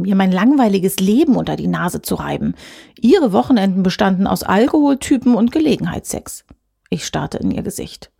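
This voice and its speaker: Woman, story narration, dry sardonic tone, gravelly, dark voice. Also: mid-range voice. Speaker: audiobook reader.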